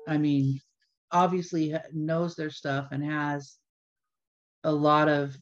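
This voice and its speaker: A woman co-hosting a casual podcast chat in a relaxed, easygoing way. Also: sits low, takes it slowly. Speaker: podcast co-host. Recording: dull lo-fi sound.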